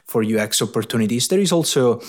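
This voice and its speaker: A man's voice: medium pitch, expressive, quick pace. Enthusiastic Italian-accented male host. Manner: enthusiastic, hesitant with many fillers and restarts. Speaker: podcast host. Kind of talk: casual interview chat.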